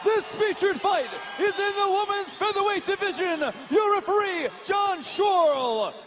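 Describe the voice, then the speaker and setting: A man announcing fighters in the cage with a booming, drawn-out delivery. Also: crowd noise, background noise. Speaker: ring announcer. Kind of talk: ring announcing.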